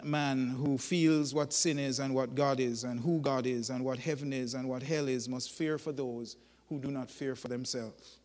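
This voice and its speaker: A man preaching a sermon, telling folksy stories in an animated, emphatic way. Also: medium pitch, big-room sound.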